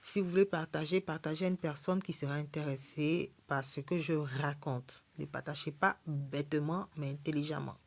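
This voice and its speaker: A woman with a low, deep voice and an accent hosts a spiritual live stream. She speaks bluntly and defiantly. She keeps checking in with her viewers. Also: steady tone, normal speed, gravelly, few pauses, darkish tone. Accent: non-native French accent. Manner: blunt and defiant, repeats "ok?" to the audience. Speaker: spiritual livestream host.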